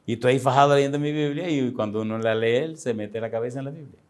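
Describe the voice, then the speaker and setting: A pastor in his sixties telling a personal story in a sermon, with animated, chatty delivery and frequent laughs. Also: mid-range voice, fast. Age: 60s.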